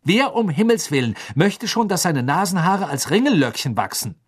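Guy putting on a know-it-all teen witch girl, high and pushy, kinda husky underneath, storybook reading. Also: big pitch swings, moderate pace. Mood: insistent. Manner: urgent and lecturing. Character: earnest bookish teen witch girl, insistent.

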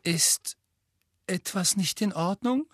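A soft, hesitant schoolgirl, played by a male narrator, pitched up and speaking quietly and a little haltingly. The storybook reading sounds dry and close. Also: no echo, heavily acted. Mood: timid concern. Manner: hushed, hesitant. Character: timid teenage schoolgirl, admiring and worried.

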